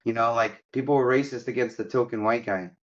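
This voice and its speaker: A man born in Egypt and raised in America talks candidly about his beginnings, in an easygoing way full of little fillers. His voice sits at an ordinary middle pitch. The recording sounds a bit dull and muffled. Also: fairly even intonation, a little fast. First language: Arabic. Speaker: guest, mortgage company CEO. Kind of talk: casual interview talk.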